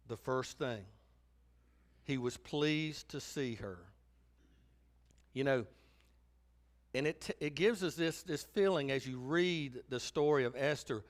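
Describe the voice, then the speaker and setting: A man preaching a sermon as pastor, telling stories animatedly and acting out the quotes. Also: medium pitch. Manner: animated storytelling, acts out quotes.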